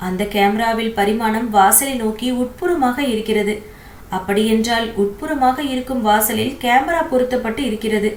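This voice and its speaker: A woman narrating an audio novel in a steady, even storytelling voice. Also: on the high side, normal speed. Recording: echoey room with faint hiss.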